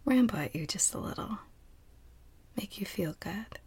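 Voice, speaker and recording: A woman in a whispered role-play, playing a doting, teasing partner who soothes and coos to another adult in an intimate, breathy, husky voice. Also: mid-range voice, lively intonation, measured pace, darkish tone.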